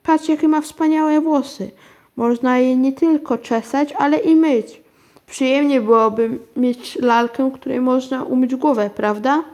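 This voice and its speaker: A woman's voice: sits high, unhurried, a little mellow. A woman voicing a sly witch disguised as a shop saleswoman, coaxing a child. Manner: coaxing, wheedling.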